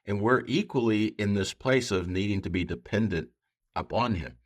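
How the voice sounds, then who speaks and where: A man with a deep, low-pitched voice talks as a pastor on a podcast. His delivery is conversational and earnest, pausing and restarting as he goes, and he slips into quoting other people. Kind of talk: conversational podcast talk with storytelling.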